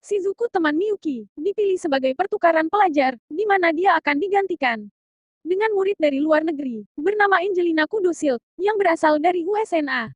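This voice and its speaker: A woman narrates a scripted anime countdown as its host, addressing fellow fans. Her voice sits extremely high in pitch. The sound is dry, with very little room on it. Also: lively intonation, a little fast, no room sound. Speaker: host of an anime recommendation list.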